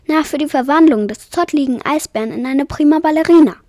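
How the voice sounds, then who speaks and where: A woman's voice: sits high, fairly quick, warm tone, no room sound, clean studio sound, pitched above the performer's own voice, lightly acted. Woman doing a smug theater boss. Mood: brisk. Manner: patronizing, smooth-talking. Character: smug male theater director, condescending and cold. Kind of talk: storybook reading.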